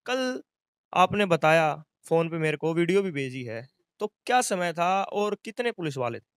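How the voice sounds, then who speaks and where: A man's voice: a little high, expressive, moderate pace, fairly bright tone, clean tone, dry recording, clean studio sound. A man reporting local news, asking short, pointed questions in an interview.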